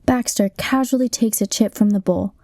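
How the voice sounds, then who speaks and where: A young woman with a mellow, natural, mid-range voice narrates a comic radio play at a normal pace. She plays a deadpan, matter-of-fact narrator, flatly describing the players' moves in a sports parody.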